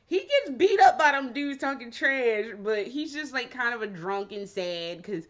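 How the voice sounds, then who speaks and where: A woman's voice: fairly high pitch, sing-song, moderate pace, fairly bright tone, dull audio. A woman vlogger giving a casual, chatty review, talking in slang with some swearing and laughing as she retells the story.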